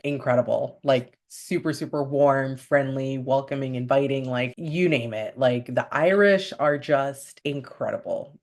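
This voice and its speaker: A young woman vlogging casually to camera, chatty and animated, with lots of "like" and swooping emphasis. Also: low-pitched.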